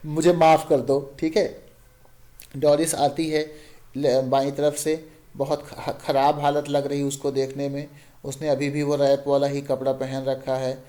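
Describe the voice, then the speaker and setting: A man's voice: medium pitch, monotone, unhurried, dark tone. A man teaching a class, reading a play aloud and acting out the characters' lines, switching between English and Hindi.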